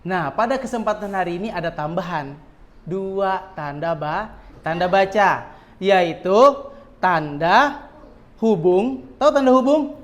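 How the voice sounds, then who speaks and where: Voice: mid-range voice, unhurried. Teacher quizzing a class of children. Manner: quizzes pupils often, with frequent tag "ya". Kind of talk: classroom lesson.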